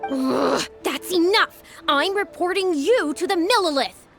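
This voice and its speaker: A woman's voice: very high voice, measured pace, vocal fry, fairly bright tone, full character voice. A woman voicing a timid, loyal young reporter who stammers and gets upset, in game audio with faint music. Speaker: game character. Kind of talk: video game voice acting.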